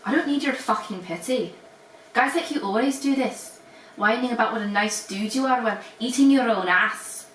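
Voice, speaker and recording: A woman's voice: fairly high pitch, moderate pace, fairly bright tone, roomy sound, distant mic, slight background noise, natural voice, low-quality recording. A woman voicing an angry, profane teenage boy in a put-on Scottish accent, read from a fan story. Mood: hostile. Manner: snarling, profane.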